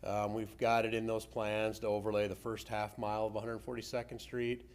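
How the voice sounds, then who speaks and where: Flat, low-voiced man, matter-of-fact. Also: a little fast, clean tone. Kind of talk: answering a council question.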